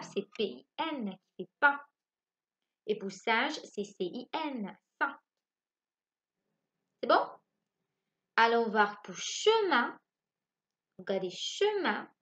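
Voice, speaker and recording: A woman teaching a phonics lesson to young children from home. She spells out letters slowly and keeps asking the class if they follow. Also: fairly high pitch, fairly bright tone, lo-fi sound. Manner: slow, spelling out letters and asking checking questions. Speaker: primary school teacher.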